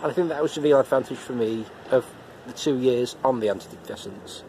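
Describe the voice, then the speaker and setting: Filming in his living room and later in a car park at night, a middle-aged vlogger with a head cold reviews episodes in a chatty personal video. His mid-range voice is a little mellow, and he often stumbles and restarts with repeated words. Slight background noise and low recording quality are evident.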